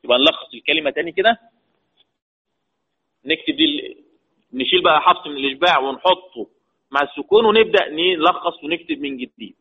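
A man with an Egyptian accent teaching Quran recitation rules, asking the class questions and answering them himself, drawing out key terms slowly. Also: on the high side, very animated, husky. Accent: Egyptian Arabic. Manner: slow, drawn-out stress on key terms. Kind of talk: lecture mixing colloquial and formal Arabic. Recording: tinny phone-like lo-fi audio.

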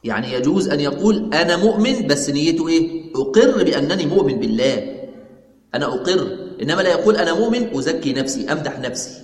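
A man's voice: on the high side, lively intonation, quick pace. A man with an Egyptian Arabic accent teaching a religious lesson, asking his class questions and answering them himself, repeating the key points. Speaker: sheikh teaching a religious text. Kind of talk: religious lesson explaining a text. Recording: echoey hall.

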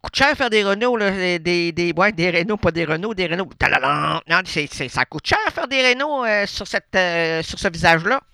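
Rambling Québécois radio host, bright voice. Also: male voice, high-pitched, lively intonation, moderate pace, gravelly, hardly any pauses, clear, resonant tone, no room sound, studio quality. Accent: Québécois French. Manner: rambling, playful wordplay with many hesitations. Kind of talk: absurdist radio monologue. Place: radio studio.

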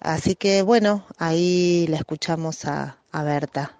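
A woman with an Argentine accent hosting a radio interview, attentive and prompting with soft acknowledgments. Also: low voice, unhurried, very noisy. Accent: Argentine Spanish. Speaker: radio host.

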